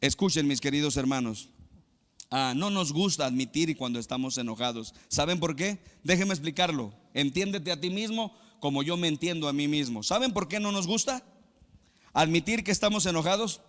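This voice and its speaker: A male pastor from Mexico preaching a sermon, moving between loud emphatic exclamations and quiet low asides. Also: moderate pace, long reverb tail.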